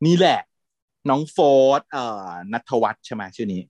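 A man co-hosting a casual chat about TV series, animated and gushing as he talks. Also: mid-range voice, normal speed, dry recording. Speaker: podcast co-host.

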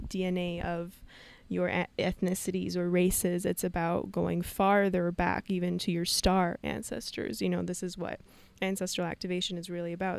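A young Canadian woman with a lowish, gravelly voice hosts a solo podcast. She tells a personal story in an emotional, meandering way, laughing often.

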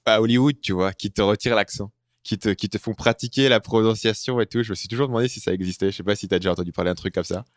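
A low-voiced man from France hosts an interview, firing off curious questions at a brisk clip. His voice sounds close and dry, with no room around it. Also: no echo. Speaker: interview host.

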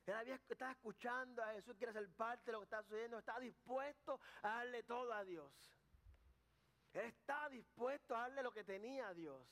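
A man's voice: extremely high pitch, fairly quick, fairly bright tone. A man preaching a sermon at a church service, putting questions straight to the congregation. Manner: addresses the congregation directly with questions.

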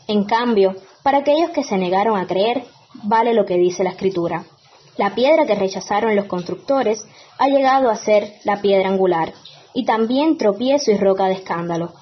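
A woman's voice: mid-range voice, normal speed, breathy edge, muffled recording. A woman reading scripture as a lector at Mass in a formal, declamatory manner.

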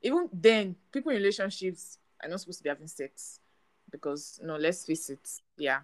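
A woman's voice: lowish voice, expressive, normal speed, rough recording. A young woman co-hosting a casual podcast chat, talking in a chatty, storytelling way. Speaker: podcast co-host.

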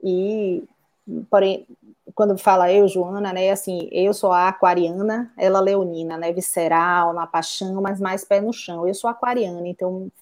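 A woman's voice: mid-range voice, steady tone, moderate pace, a little mellow. A middle-aged woman with a Bahian accent, a pilates instructor and physiotherapist, chatting as a guest and telling stories with many asides. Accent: Bahian Portuguese. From Bahia, Brazil. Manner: talkative, storytelling with asides. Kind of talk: casual conversation.

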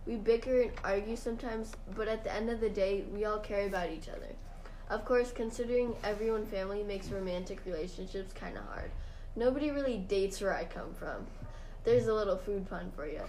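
A woman's voice: medium pitch, fairly quick, a little mellow, a little hiss or hum, close to an everyday voice, low-quality recording. A woman voicing an earnest, proud male rutabaga in a mock interview, giving matter-of-fact scripted answers. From Sweden. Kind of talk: mock interview role-play.

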